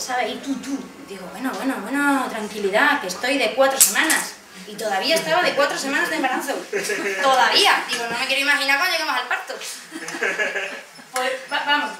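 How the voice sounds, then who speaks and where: A woman speaker telling a lively personal story at a conference, acting out the voices she quotes. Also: high voice. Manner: animated, acts out quoted voices, laughs often. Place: conference room. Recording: echoey hall, distant mic, background noise.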